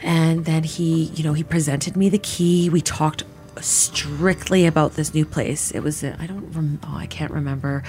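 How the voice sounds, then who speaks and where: A woman's voice: sits low, steady tone, a little slow, mellow, soft background music. A Canadian woman in her thirties giving personal testimony in a casual, filler-heavy way, often quoting herself. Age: 30s. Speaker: interviewee.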